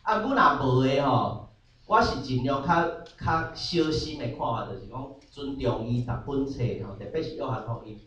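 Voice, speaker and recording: A man's voice: medium pitch, expressive, normal speed, sharp tone. A man leading a conversational Bible study class, slipping English terms into his explanations and answering students. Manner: sprinkles English terms into his talk, frequent filler particles. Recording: very echoey room, voice from far off, faint background hum.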